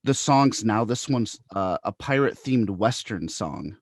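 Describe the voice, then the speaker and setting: A man's voice: on the low side, animated, unhurried, no room sound, studio quality. Easygoing male podcast host. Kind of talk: casual interview hosting.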